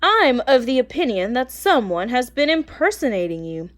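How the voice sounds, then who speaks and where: A woman voicing a pompous male school principal in a storybook, speaking in a deliberate, formal way. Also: on the high side, sing-song. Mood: self-assured.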